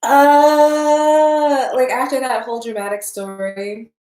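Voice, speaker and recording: A woman's voice: on the low side, a little slow. A woman reads a book aloud, sighing often and breaking off for chatty asides to her viewers. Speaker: book reader and commentator. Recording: roomy echo.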